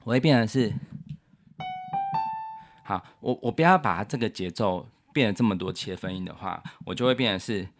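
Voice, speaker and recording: A man's voice: on the low side, moderate pace, long pauses. A man co-hosting a casual chat, patiently explaining his piano composition step by step and counting beats aloud.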